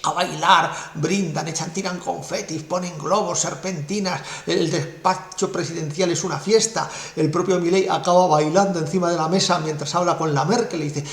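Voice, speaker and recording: Scornful commentator, echoey. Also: male voice, a little high, fairly even intonation, moderate pace, hardly any pauses. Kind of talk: political commentary monologue. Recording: roomy echo.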